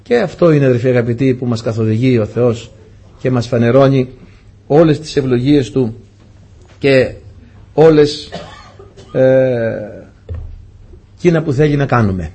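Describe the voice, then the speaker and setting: Husky, mellow-voiced man preaching. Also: medium pitch, pauses often. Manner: earnest, storytelling, often addresses the congregation as dear brothers. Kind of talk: testimony sermon.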